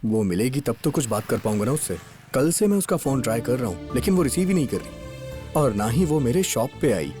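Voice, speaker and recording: A young man frets over the girl who won't answer him, as a dub actor voices him. His voice swings widely, and it rides over loud film music. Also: mid-range voice, very animated, brisk, natural voice. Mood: troubled. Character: young man, worried lovesick shopkeeper. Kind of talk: Hindi film dubbing.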